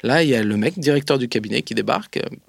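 A man telling a lively anecdote in an interview, with lots of hesitations, speaking straight to his listener. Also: mid-range voice, fast talker, vocal fry, dry recording. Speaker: interview guest. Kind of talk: casual storytelling.

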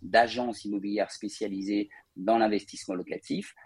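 His voice runs low, husky and steady at a moderate pace, with no echo. The Paris-born cofounder of a real estate company shares his career story in an interview, speaking fluently despite many hesitation fillers.

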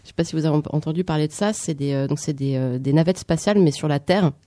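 Woman, radio chat, mellow voice, rambling, halting, dry sound. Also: low voice, dry recording. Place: radio studio.

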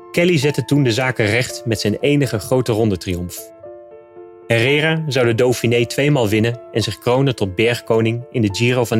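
A man narrating a scripted nonfiction account in a steady, measured reading voice. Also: medium pitch.

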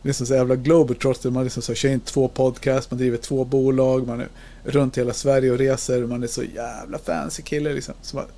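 Creaky-voiced man in his fifties. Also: medium pitch, flat delivery, mellow, a little hiss or hum. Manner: chatty, joking, swears casually. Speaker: podcast host. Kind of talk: casual podcast chat.

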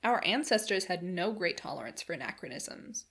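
A woman's voice: on the low side, very animated, normal speed, a bit bright, husky, heavily acted. A woman voicing a wry, skeptical Victorian male doctor.

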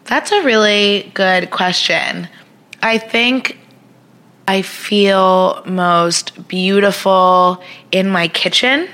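A woman's voice: mid-range voice, drawn-out words, fairly bright tone. A woman chatting as a podcast guest, loose and laughing, with lots of fillers. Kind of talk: casual chat.

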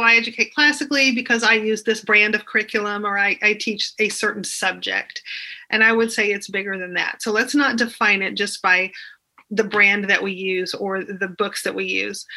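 A woman explaining ideas in a measured podcast conversation, repeating phrases for emphasis. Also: medium pitch, bright, forceful tone, poor audio. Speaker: podcast guest and teacher trainer.

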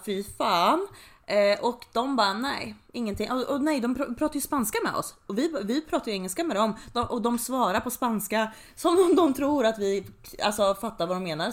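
Young woman, podcast co-host, emphatic casual chat, swears a lot, slightly high pitch. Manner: emphatic, swears freely, quick agreeing interjections.

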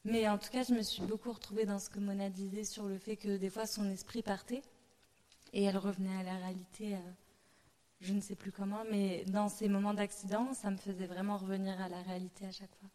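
Female audience questioner, warm dark tone, restrained pitch range, conversational question at a talk. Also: little pitch movement, brisk. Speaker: audience member. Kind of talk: asking a question at a public discussion.

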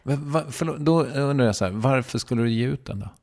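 A man's voice: medium pitch, darkish tone. Man interviewer, brief casual reactions. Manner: short reactions and follow-up questions.

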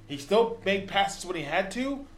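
High-voiced man in an echoey room. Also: animated, a little slow. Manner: rambling, many restarts and fillers. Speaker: podcast co-host. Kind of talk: casual sports talk.

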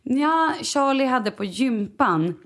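A woman, co-hosting a podcast and telling a story in a lively, casual way while acting out the voices of the people in it. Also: high voice. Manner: animated storytelling, acts out quoted voices. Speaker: podcast co-host. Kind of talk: casual chat.

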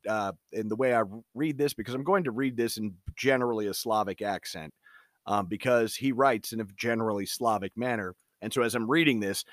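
A man's voice: mid-range voice, no room sound, studio quality. A man delivering an emphatic, opinionated commentary monologue.

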